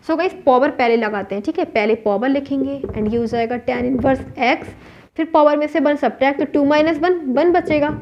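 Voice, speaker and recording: On a dull, lo-fi recording with a little hiss or hum, a high-pitched woman teaches maths at a whiteboard. She has an Indian accent and works through the lesson step by step, posing questions and answering them herself.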